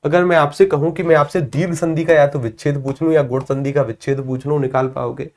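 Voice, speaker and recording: A man's voice: fairly high pitch, fairly even intonation, fairly quick. A man teaching a grammar lesson to camera at a board. He talks playfully and teases the viewers, and he keeps checking that they follow.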